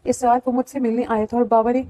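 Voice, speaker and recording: A woman's voice: on the high side, level tone, mellow, natural voice, low-quality recording. A woman reading the lines of a tearful, fearful older sister in an audiobook, pleading and bitter.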